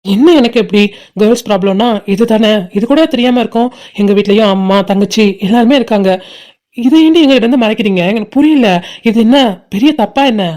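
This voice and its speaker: A woman voicing a caring but bossy young college boy in a cartoon, pushing rapidly and teasing his friends. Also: on the high side, warm tone, lightly acted. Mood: frank. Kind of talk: cartoon voice acting.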